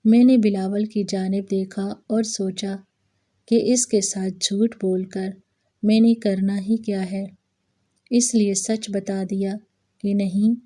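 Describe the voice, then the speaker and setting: A woman narrates a first-person drama story from a script. Her delivery is steady and even, her voice warm and dark, and she keeps her pitch within a narrow, level range.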